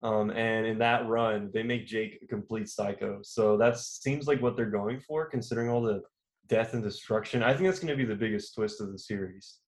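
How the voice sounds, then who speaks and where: A man's voice: on the low side, moderate pace. A man co-hosting a podcast, talking casually in long rambling turns with many fillers and restarts. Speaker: podcast co-host. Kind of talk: casual chat.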